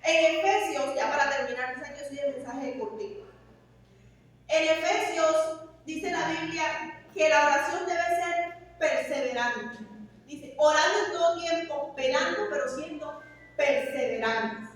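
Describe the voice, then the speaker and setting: A woman's voice: high voice, unhurried. A woman pastor preaching a sermon, fervent and emphatic, with chatty asides to her congregation. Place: church hall. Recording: echoey church hall, mic far off.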